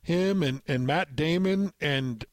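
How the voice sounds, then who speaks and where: A man's voice: on the high side, slow, no room sound. A man co-hosting sports radio with conversational commentary, talking his way through points.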